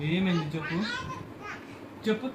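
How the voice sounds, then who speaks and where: A woman's voice: fairly low pitch, normal speed, highs cut off. A woman in a home vlog, chatting playfully with a baby in coaxing baby talk and asking the same questions over and over. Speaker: vlogger talking with a baby. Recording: echoey room with loud background noise.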